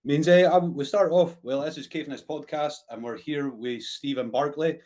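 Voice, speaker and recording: A man with a Scottish Highland accent hosting a casual interview, hesitant, repeating words and often tagging sentences with "eh". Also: steady tone, moderate pace, darkish tone. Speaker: podcast host.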